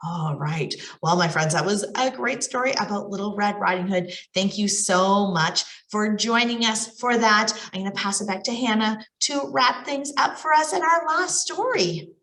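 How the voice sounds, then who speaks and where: Casting: expressive children's storyteller, woman, very lively pitch, bright tone, echoey room. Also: moderate pace, few pauses. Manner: expressive, animated read-aloud. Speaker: library storyteller. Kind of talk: children's story time reading.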